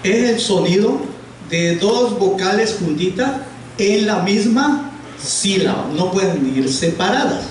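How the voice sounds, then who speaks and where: High-voiced man teaching slowly in an echoey room. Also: expressive. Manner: patient, asks the class questions and repeats answers. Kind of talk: classroom grammar lesson. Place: classroom in a house of prayer. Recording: very echoey room, voice from a distance, faint hiss.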